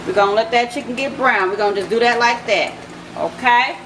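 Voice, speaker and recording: A woman's voice: a little high, fairly quick. Chatty woman cooking in echoey kitchen. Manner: chatty, talks to viewers as "y'all" and "baby". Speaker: cooking channel host. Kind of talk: casual cooking vlog narration. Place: home kitchen. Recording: echoey kitchen with background noise.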